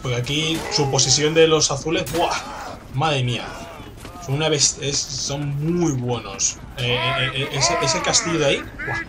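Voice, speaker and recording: A man with a Spanish accent from Spain, commentating a game he is playing, excitable and swearing, with sudden loud outbursts. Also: a little high, moderate pace. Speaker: gameplay commentator. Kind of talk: let's play commentary. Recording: game music in background.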